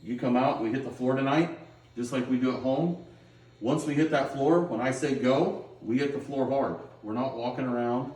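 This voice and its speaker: A man's voice: mid-range voice, normal speed, darkish tone. Echoey, distant man giving a pregame pep talk. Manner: plain-spoken, instructive, often checking with okay. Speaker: high school girls' basketball coach. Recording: roomy echo, distant microphone.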